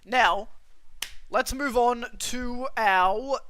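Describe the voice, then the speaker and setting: His voice is extremely high, a bit bright and very slow. A young adult Australian streamer, he casually talks with viewers and reads chat, rambling and cutting himself off.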